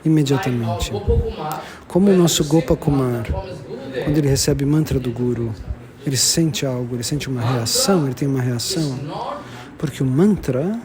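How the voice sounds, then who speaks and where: A man giving a devotional lecture to a gathering, repeating and restarting phrases and slowing down to stress key terms. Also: mid-range voice, crowd noise. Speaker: religious lecturer.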